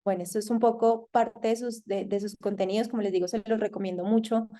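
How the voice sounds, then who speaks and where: A woman with a Colombian accent giving an online masterclass, thoughtful and hesitant, pausing often with fillers. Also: mid-range voice, fairly even intonation, mellow. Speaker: masterclass lecturer. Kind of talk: online lecture.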